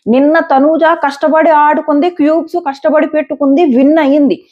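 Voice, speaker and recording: A woman's voice: sits high, fairly even intonation, fairly quick, highs cut off. A woman giving casual, emphatic commentary as a show reviewer, arguing her points and repeating them.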